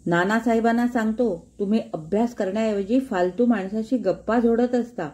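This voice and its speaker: A woman storyteller putting on a cranky, sneering house manager, always irritated. His voice lifts a little higher and louder, with a mellow tone underneath. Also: normal speed, lightly acted. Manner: sneering, tattling.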